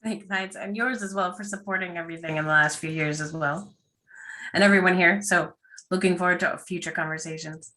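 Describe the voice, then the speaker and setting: A woman's voice: fairly low pitch, fairly even intonation, fairly quick, pushed and bright. A woman speaking as the guest in a casual online panel discussion, enthusiastic, with plenty of ums and likes. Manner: enthusiastic, talks with fillers.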